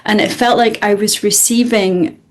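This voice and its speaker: Speaking earnestly and reflectively as an interview guest, a Scottish woman with a Scottish accent, a student of the program, often restarts her sentences. Her pitch is medium, her tone steady and her pace moderate, with slight background noise.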